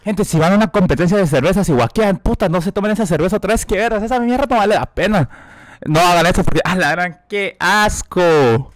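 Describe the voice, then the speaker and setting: High-voiced Korean man, crude slang. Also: brisk, no room sound, clean studio sound. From South Korea. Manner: crude slangy, laughs often. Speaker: reaction video host. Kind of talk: casual reaction commentary.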